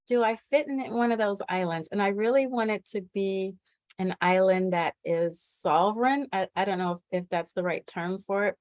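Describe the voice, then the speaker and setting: A woman's voice: mid-range voice, darkish tone, no room sound. A woman hosting a meeting in a conversational style, talking about her plans and introducing guests. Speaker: host.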